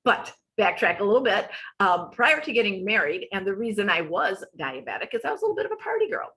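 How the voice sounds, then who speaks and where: A woman in her sixties talks through her slides as a wellness coach. She is chatty and loose, drifting off on tangents and reining herself back in. Her voice sits at an ordinary middle pitch. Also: very animated, fast talker, a bit bright, low-quality recording. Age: 60s. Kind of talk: casual presentation over slides.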